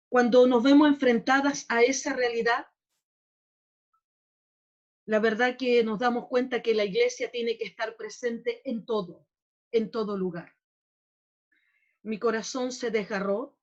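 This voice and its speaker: A middle-aged woman pastor giving a heartfelt, emotional testimony in a sermon. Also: medium pitch. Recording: dull lo-fi recording.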